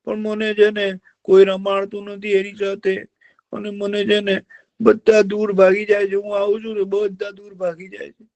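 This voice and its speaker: A man's voice: high-pitched, completely flat delivery, normal speed, a little mellow, no room sound, highs cut off, voice pushed up. A man voicing a crafty male fox in a children's story who fakes sobs and whines for sympathy. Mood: self-pitying. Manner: wailing, self-pitying. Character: sly sobbing male fox, scheming and whiny.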